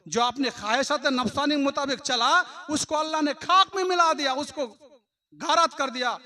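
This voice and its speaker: A man delivering a Friday sermon, chanting scripture quotes slowly and then explaining them with passion. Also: very high-pitched, sharp tone. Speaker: mosque preacher. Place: mosque.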